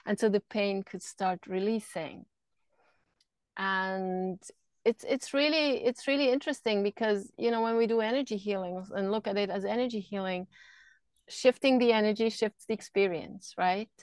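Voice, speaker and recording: A woman's voice: mid-range voice, moderate pace, darkish tone, smooth, dry recording. Earnest Swiss-raised woman, dry close sound. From Switzerland. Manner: earnest, flowing, repeats words while thinking. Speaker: podcast guest, energy healer. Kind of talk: casual interview talk. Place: camper van.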